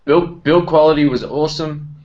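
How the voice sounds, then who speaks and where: A man's voice: a little high, steady tone, normal speed, darkish tone. A man hosting a casual chat about guitar pedals over an online group call. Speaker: host of a live guitar-pedal video chat. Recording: dull, lo-fi online call audio.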